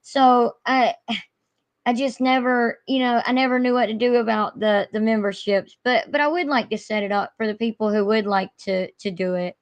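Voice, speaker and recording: A woman with a deep Southern US accent, chatting casually and earnestly on a live stream as a channel creator. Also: steady tone, moderate pace.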